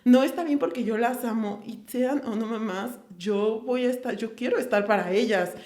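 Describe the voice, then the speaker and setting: A woman's voice: fairly high pitch, moderate pace, darkish tone. Candid Mexican woman in an echoey room. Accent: Mexican Spanish. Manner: candid, confessional, lots of fillers and quoted inner speech. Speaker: podcast host. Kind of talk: casual conversation.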